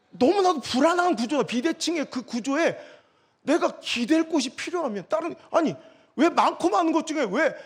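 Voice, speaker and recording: Impassioned high-voiced male preacher. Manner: impassioned, swings from shouting to hushed storytelling. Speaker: pastor. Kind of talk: revival sermon. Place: church hall at a youth retreat.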